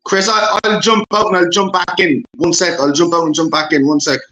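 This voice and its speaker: A man's voice: a little high, steady tone, a little fast, bright, forceful tone. A man joining a casual online voice chat over a bad connection that makes him sound distant. He repeats himself as he sorts out his audio. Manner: calls names and repeats himself while fixing his audio.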